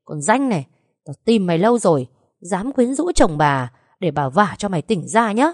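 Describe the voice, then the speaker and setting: Woman playing a domineering older-sister type, brash, bossy, sly, low voice, dry recording. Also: lively intonation, a little fast, a little mellow, no echo, lightly acted. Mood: scolding.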